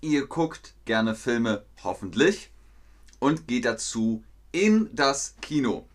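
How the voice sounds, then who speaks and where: Slow, deliberate male teacher. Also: medium pitch, lively intonation. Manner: slow and deliberate, repeats simple phrases; acts out short dialogues. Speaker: German teacher streaming online. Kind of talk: slow, clear language lesson.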